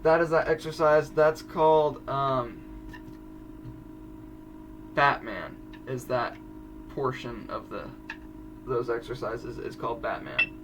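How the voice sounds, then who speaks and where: Teen boy, rambling drum-tutorial host, mid-pitch, off-mic with loud drums nearby. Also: slow pace, long pauses, far from the mic, music in the background. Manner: chatty, self-correcting, rambling asides. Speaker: drumline student teaching audition exercises.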